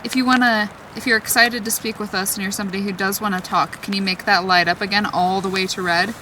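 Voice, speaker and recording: A woman talking casually in an excitable, chatty way as she questions spirits aloud in a vlog. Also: medium pitch, fast talker. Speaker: paranormal investigator. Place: outdoors in a forest at night. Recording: distant mic, clearly noisy outdoor ambience.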